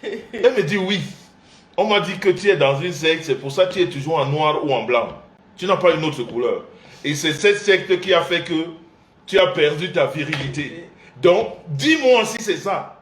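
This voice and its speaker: A man host of a live couples show, telling a family story with animated voices and frequent laughter. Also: a little high, normal speed, reverberant. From Central Africa. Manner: acts out his mother's and father's voices, laughing often. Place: indoor room, livestream.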